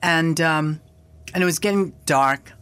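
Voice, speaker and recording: A woman's voice: low-pitched, measured pace, fairly bright tone, clean tone, no echo. An older woman, a guest in an interview, telling a story with animation and acting out past dialogue.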